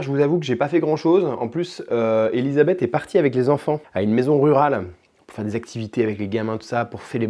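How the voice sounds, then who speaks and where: A man's voice: medium pitch, dark tone. A man from France in his thirties, chatting informally to camera in a casual vlog, full of fillers and slang. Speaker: vlogger.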